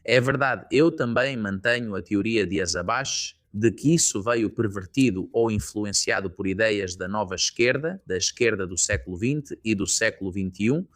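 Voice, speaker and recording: A man with a Spanish accent speaking as a political commentator, emphatic and rhetorical, slowly listing his points. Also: lowish voice, dry recording, clean studio sound.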